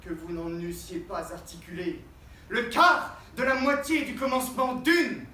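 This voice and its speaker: A roomy, distant recording carries a proud, mocking swordsman-poet. The delivery is hammy and declamatory classical theatre verse, high in pitch and wildly swinging from hushed asides to booming cries. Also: very animated, measured pace, heavily acted. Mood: scornful pride. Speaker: stage actor. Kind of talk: theatrical verse monologue, French classical stage acting. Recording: roomy, distant mic, faint background noise.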